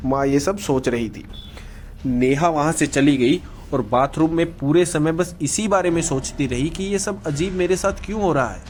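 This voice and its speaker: A man narrating a scripted horror story in a steady storytelling manner. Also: a little high. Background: faint music.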